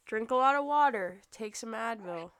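A hoarse woman co-hosting a podcast, chatting casually with a relaxed, wry manner. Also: a little high, moderate pace, no room sound, clean studio sound. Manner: relaxed, wry back-and-forth. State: hoarse from a virus. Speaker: podcast co-host. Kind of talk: casual chat.

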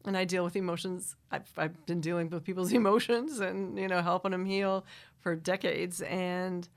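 A woman's voice: fairly low pitch, steady tone, moderate pace. A middle-aged woman from Wisconsin with a Wisconsin accent, chatting as a guest in an interview, talking in long restarting runs and laughing often. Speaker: singer-songwriter guest. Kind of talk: casual interview chat. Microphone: studio microphone.

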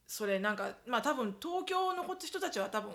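A woman's voice: a little high, normal speed. A woman co-hosting a podcast in casual chat, telling stories with lots of laughter. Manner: lively storyteller who acts out quotes, laughs often. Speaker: podcast co-host.

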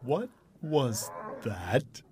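A man's voice: mid-range voice, very animated, very slow. A man playing a timid, bewildered motel guest with a hesitant, stammering delivery in a horror-comedy audio drama. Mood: bewildered, nervous. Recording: clear background ambience noise.

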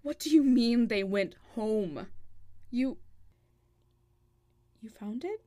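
A woman's voice: on the high side, animated, slow pace, mellow. A woman voicing an anguished guardian who brings lost people home, stammering, pleading and dropping into whispers in an audio drama monologue. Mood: frantic.

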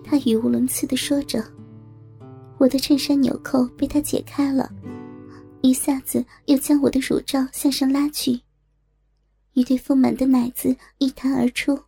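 A woman telling a first-person story in calm, steady narration. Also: high-pitched, moderate pace, vocal fry, faint music behind.

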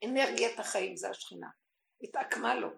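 A woman giving an impassioned religious teaching, swinging from hushed, intimate tones to crying out. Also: mid-range voice, creaky, a little hiss or hum. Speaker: spiritual teacher. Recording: echoey room recording.

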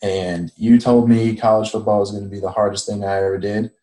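A man in his twenties, a former college football player, giving measured, reflective answers with frequent ums. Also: lowish voice, little pitch movement, warm tone. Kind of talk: casual reflective interview answer. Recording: roomy echo.

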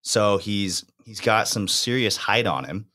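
Young male fitness host, low voice, relaxed slangy banter. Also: measured pace. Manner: laid-back, laughing, slangy. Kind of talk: casual chat.

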